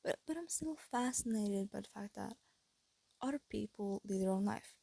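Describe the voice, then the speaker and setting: A teenage vlogger rambles casually into a phone held close, her breathy voice stuffy-nosed and carrying a slight lisp from her retainers. She thinks aloud hesitantly, full of fillers and restarts, at medium pitch and normal speed. Her tone is warm and animated, with no echo.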